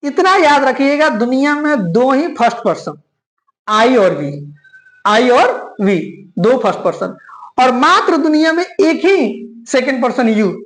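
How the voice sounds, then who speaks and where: Lively woman teaching grammar. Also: high-pitched, slow pace, roomy sound, low-quality recording. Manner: repeats key points, checks in with listeners. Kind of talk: classroom grammar lesson.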